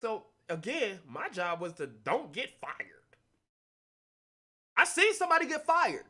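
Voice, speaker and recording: A young adult man telling stories casually, animated, acting out the quotes with big jumps in his voice. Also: high voice, measured pace. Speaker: actor telling stories on a talk stream. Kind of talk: casual storytelling.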